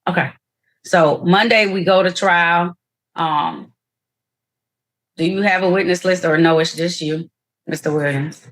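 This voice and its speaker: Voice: mid-range voice, measured pace, long pauses, fairly bright tone, no echo. Judge heard on a dry courtroom recording. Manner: formal and procedural with frequent ums. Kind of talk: courtroom hearing.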